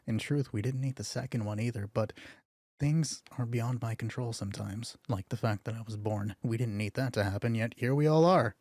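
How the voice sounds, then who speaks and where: A man's voice: medium pitch, moderate pace, darkish tone, no echo, studio quality. A man improvising a solo tabletop role-play stream, narrating the scene and making wry asides about his own performance. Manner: self-mocking asides between character voices.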